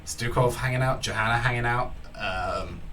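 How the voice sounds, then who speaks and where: A man's voice: medium pitch, moderate pace, distant mic, a crowd in the background. A Scottish man casting a live esports match, talking casually with dry, self-deprecating humor about being tired. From Scotland. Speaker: esports caster.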